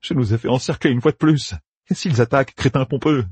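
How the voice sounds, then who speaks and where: A man's voice: medium pitch, breathy edge, no echo, voice pushed up, lightly acted. A man voicing a hotheaded young soldier-gambler who blusters and curses in an audiobook. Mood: agitated. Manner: loud, blustering, quick to curse.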